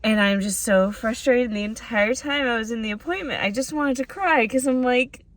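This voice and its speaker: A young adult woman, a vlogger, writer and new mother, chats casually to camera in a candid, self-deprecating way. Her voice is a little high and she talks at a normal speed.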